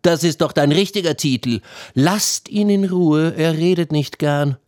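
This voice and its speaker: A man's voice: on the high side, a little slow, darkish tone, no room sound, studio quality, voice pushed up, lightly acted. A man voicing a scornful middle-aged mother who mocks and jeers, in a storybook reading. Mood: mocking. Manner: mocking, jeering.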